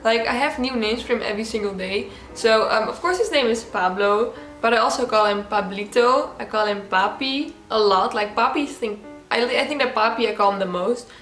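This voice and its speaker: Chatting and giggling, a young woman from the Netherlands with a Dutch accent answers viewer questions for a casual Q&A vlog, dropping "like" often. Her fairly high, slightly bright voice moves at a normal speed in an echoey room, with faint music in the background.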